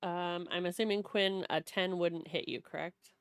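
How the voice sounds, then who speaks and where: A woman's voice: lowish voice, steady tone, moderate pace, clear, resonant tone, no room sound. A woman running a tabletop game as game master, thinking aloud as she goes.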